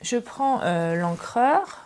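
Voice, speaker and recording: A woman from France hosting a relaxed craft tutorial, talking casually through each step with many fillers. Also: a little high, very slow. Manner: chatty, relaxed, thinks aloud with fillers. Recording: faint background noise and clicks.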